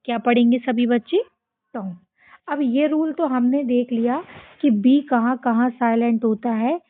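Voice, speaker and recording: Woman, Indian accent, children's teacher, call-and-response drilling, slightly high voice, tinny dry recording. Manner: slow, drilling repetition with call-and-response questions. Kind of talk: children's phonics lesson. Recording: tinny, phone-like dry sound.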